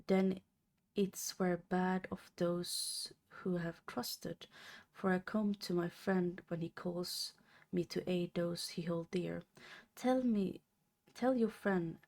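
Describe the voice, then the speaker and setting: A young woman reads a classic novel aloud on a live stream in a lowish, gravelly voice. She moves slowly and haltingly, often tripping over a word and starting it again. It sounds like an unpolished live read, not a studio narration. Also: darkish tone. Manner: halting reading, stumbles and restarts on words.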